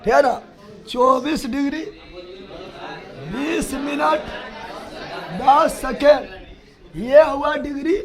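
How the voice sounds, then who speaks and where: A male teacher runs a loud call-and-response drill in a classroom, his voice very high and gravelly. He talks slowly and repeats each point at a shout. A class chants faintly behind him. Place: classroom with students.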